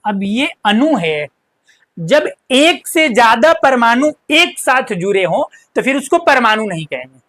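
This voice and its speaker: A woman teacher giving a chemistry lesson, who asks and answers her own questions and repeats key terms slowly. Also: a little high, big pitch swings, a bit bright, dry recording.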